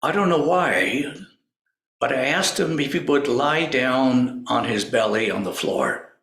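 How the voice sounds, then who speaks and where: A man slowly telling a personal story, pausing often and acting out what others said. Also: medium pitch, animated, a bit bright, roomy sound, rough recording. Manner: slow, halting storyteller who acts out quoted voices. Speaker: spiritual speaker. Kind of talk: storytelling talk.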